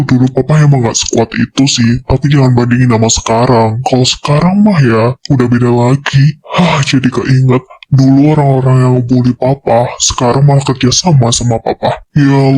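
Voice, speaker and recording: A man's voice: medium pitch, moderate pace, darkish tone, low-quality recording. A man playing a stern, scolding father in an amateur voice drama dub.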